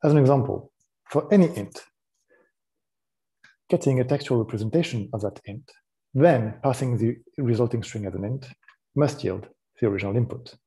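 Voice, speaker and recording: A French-accented man with a medium-pitched voice gives a technical talk at a conference, speaking at a normal speed but pausing often. His explanations are relaxed, with plenty of ums and restarts.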